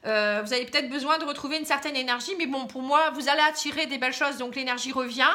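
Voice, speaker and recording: A woman's voice: sits high, fast, sharp tone. A woman with a northern French accent from the Pas-de-Calais, giving a chatty, reassuring tarot reading and tagging her phrases with "hein". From Pas-de-Calais, northern France. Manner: chatty, tags nearly every phrase with "hein"; reassuring and encouraging. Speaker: tarot card reader. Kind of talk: casual tarot reading to camera.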